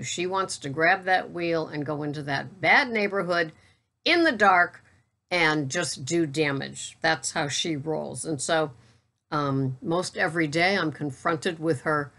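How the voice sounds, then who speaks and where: Speaking to her viewers at an easy, level pace, this woman in her sixties, a keto vlogger and coach, has a distinctly low voice. She calls her delivery monotone, and her casual chat to camera stays plain and matter-of-fact, now and then slipping in a dry remark.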